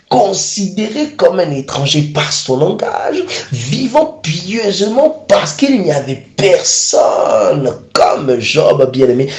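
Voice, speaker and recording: A man preaching a sermon, emphatic and repeatedly calling his listeners beloved. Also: a little high. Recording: echoey room.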